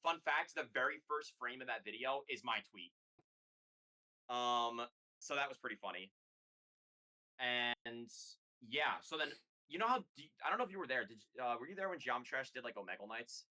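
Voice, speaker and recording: A man's voice: medium pitch, animated, normal speed, pushed and bright, poor audio. A young man guest in a casual online chat, telling stories in a laid-back, self-mocking way. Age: young adult.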